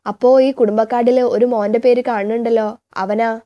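A woman's voice: a little high, fairly even intonation, normal speed, highs cut off, lightly acted. A woman reading a sly mocking village priest. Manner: sarcastic, needling. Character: sly mocking middle-aged male parish priest.

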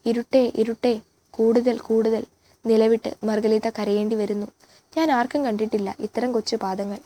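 A woman reading a literary novel aloud in a measured, expressive way. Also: a little high. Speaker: audiobook reader.

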